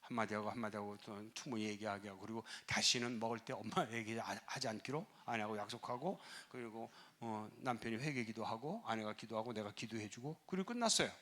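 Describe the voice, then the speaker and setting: Animated storytelling pastor, bright voice. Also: male voice, lowish voice, quick pace, hardly any pauses. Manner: animated, acts out scolding and dialogue. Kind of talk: storytelling sermon.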